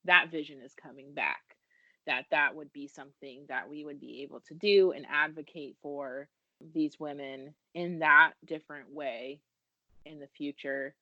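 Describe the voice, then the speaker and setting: A woman's voice: low voice, steady tone, moderate pace, bright, forceful tone, dry recording, muffled recording. A woman from the United States in her thirties, a business founder talking casually and earnestly in a podcast interview, laughing now and then. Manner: earnest, self-deprecating, laughs while talking.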